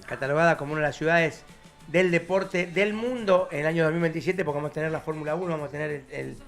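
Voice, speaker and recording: Excitable Rioplatense man hosting a stream. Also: a little high, fast talker, vocal fry, soft background music. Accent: Rioplatense Spanish. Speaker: host. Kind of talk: casual chat on a live stream.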